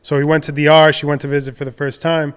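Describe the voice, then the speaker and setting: A young man with a smooth, clear voice, fairly high but held in a narrow, even pitch. He talks in a relaxed, rambling way, full of fillers and restarts. He comes from the Dominican Republic. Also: fast talker. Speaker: podcast guest, designer and entrepreneur. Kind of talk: casual conversational storytelling.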